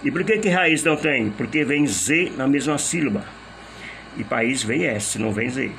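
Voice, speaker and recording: A man's voice: medium pitch, expressive, normal speed, creaky, fairly bright tone, slight background noise. A man teaching a grammar lesson, patiently repeating each rule step by step and asking rhetorical questions. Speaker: Portuguese teacher.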